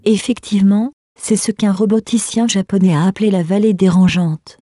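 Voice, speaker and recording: A woman voicing a calm female AI voice assistant, speaking with a slightly robotic, synthetic-sounding voice and explaining things in a polite, measured way. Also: medium pitch, no echo, studio quality, lightly acted. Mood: informative.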